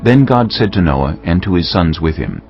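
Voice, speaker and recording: Deep, gravelly male scripture narrator. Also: very animated, normal speed. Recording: slightly dull audio over music. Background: music.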